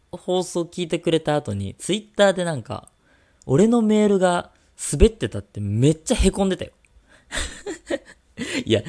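A man's voice: high voice, a little mellow. A man co-hosting a radio-style podcast, chatting casually and teasing his co-host with jokes. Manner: teasing, joking banter.

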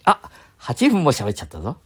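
A man's voice: mid-range voice, wildly swooping pitch, fairly quick, fairly bright tone, husky. A man in his seventies with a Mikawa dialect, chatting casually and rambling on a live stream from his home, often chuckling. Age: 70s. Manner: rambling, chuckling, talks to himself.

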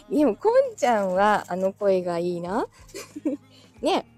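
A woman's voice: medium pitch, wildly swooping pitch, slow pace, a little mellow, faint music behind. A woman hosting a casual livestream, chatting with listeners, reading their comments aloud and laughing often.

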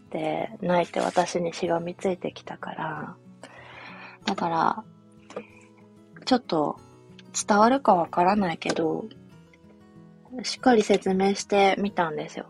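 A young woman, a mother, telling a personal family story in a soft, reflective, casual way with many fillers. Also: lowish voice, vocal fry. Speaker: podcast host, mother. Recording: faint music behind.

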